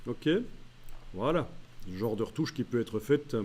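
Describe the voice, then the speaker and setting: Mellow-voiced man teaching software. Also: mid-range voice, lively intonation. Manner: walks through menu steps aloud, many "euh" pauses. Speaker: software trainer. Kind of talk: screen-recorded tutorial.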